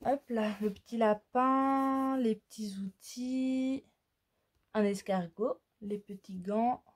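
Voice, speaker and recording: A woman chatting casually as she shows off her crafting haul, pausing often and searching for words. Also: fairly high pitch, fairly even intonation. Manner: slow, hesitant, many fillers. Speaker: crafting vlogger. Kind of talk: casual haul show-and-tell.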